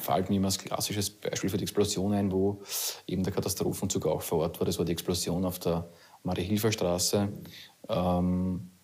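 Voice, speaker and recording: A man in his thirties with an Austrian accent, a rescue service officer giving a measured interview outdoors at night. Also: low voice, level tone, darkish tone, husky. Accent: Austrian German.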